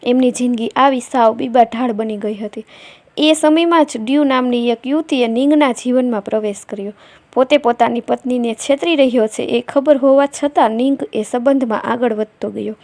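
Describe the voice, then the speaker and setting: A woman narrating a family story in a steady, measured storytelling manner. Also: on the high side, dry recording.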